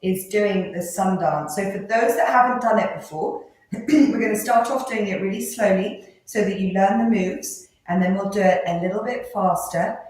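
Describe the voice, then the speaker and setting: A woman teaching a live children's yoga class, giving gentle, encouraging, playful instructions. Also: mid-range voice, moderate pace. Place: live class in an indoor room. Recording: very echoey room.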